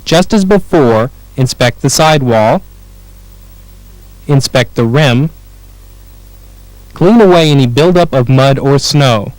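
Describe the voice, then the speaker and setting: In a dry, rough recording, an American man reads scripted instructional narration for a training film. He is clear and measured but expressive, with a mid-range voice.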